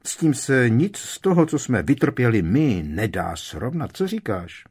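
Man doing a haughty young woman, cold and sarcastic, pitched up for storybook reading. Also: very animated, darkish tone, slightly rough.

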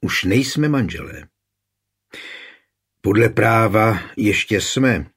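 A man plays a cool estranged young wife in an audiobook, curt and unmoved. The voice is low and husky, flat with reserve. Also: heavily acted. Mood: cold curt. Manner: curt, cold. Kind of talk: audiobook character reading.

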